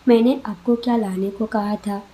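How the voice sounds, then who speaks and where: A woman's voice: mid-range voice, fairly even intonation, moderate pace, warm tone, natural voice. A woman voicing a sulky, demanding young wife in a read-aloud story, scolding petulantly. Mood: angry.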